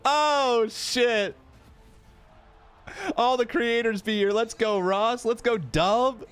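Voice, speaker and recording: This thirties-aged Canadian man has an extremely high-pitched, clean-toned voice and speaks slowly while streaming pro wrestling content. Animated and casual, he addresses his live chat directly, swears at times and makes jokes at his own expense, all from a room in his rented home.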